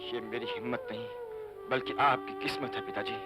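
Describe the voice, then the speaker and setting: A calm, defiant grown son speaks firmly, his voice rising and falling with lively melody over loud film score music. Measured and dramatic, in the manner of 1970s Hindi cinema. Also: mid-range voice. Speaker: son returning to his father.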